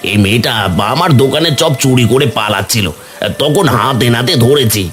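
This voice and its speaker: A man's voice: medium pitch, lively intonation, normal speed, fairly bright tone, soft background music, natural voice. A man voicing a stingy, scolding village snack seller. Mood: angry. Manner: scolding, harsh. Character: gruff middle-aged male snack seller, stingy.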